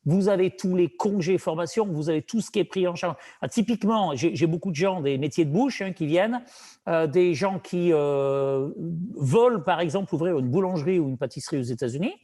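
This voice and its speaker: A man with a strong Saint-Étienne French accent, a business broker giving earnest advice in a relaxed conversation. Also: a little high, a little fast. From France. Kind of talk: casual conversation.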